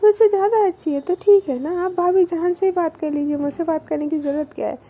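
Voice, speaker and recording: A woman's voice: sits high, lively intonation, moderate pace, warm tone, dull audio, slight background noise. A woman voicing a touchy, jealous young woman in a spoken love story, sulky and pouting.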